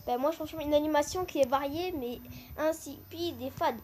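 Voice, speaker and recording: High-voiced woman playing would-you-rather. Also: normal speed. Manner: reads choices aloud, then bursts into excited shouts; repeats a teasing catchphrase. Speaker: gaming channel host.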